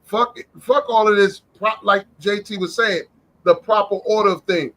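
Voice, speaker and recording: A man speaks in a casual group podcast with a notably high, bright, tense voice. He is blunt and curses freely, talking in quick bursts. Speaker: podcast co-host.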